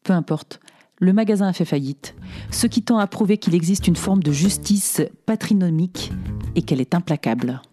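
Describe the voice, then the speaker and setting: A woman reading a first-person literary text aloud in a wry, ironic, deliberate manner. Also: lowish voice, mellow, husky. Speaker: audiobook narrator. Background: faint music.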